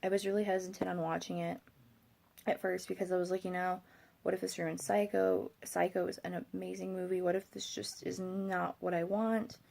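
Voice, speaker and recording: Tired young woman vlogging, kinda low creaky voice, slightly thick swollen-tongue speech, rambles and hesitates. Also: little pitch movement, moderate pace, a little mellow. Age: young adult. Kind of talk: casual chat to camera.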